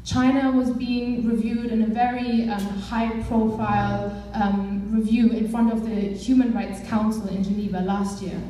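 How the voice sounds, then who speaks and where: A young woman gives an earnest, conversational speech in a mellow, warm voice, pitched a little high. She is heard from well back in a large room with strong echo. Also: level tone, measured pace, hardly any pauses, slight background noise. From Germany. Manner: earnest and conversational, with many fillers. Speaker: campaigns director. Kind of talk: speech to a live audience. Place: large echoey hall. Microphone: far from the mic. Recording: echoey hall, voice from far off.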